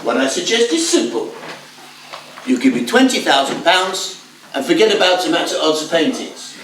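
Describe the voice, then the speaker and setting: A shifty con man played by a man hides behind a put-on French accent, then drops it when he is rattled. His voice is high and swoops widely. It is heard from far off on an echoey, noisy stage. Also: big pitch swings, normal speed, a bit bright, exaggerated voice. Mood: smooth blackmail. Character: scheming male con man faking a Frenchman. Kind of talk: amateur stage play. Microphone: distant room mic.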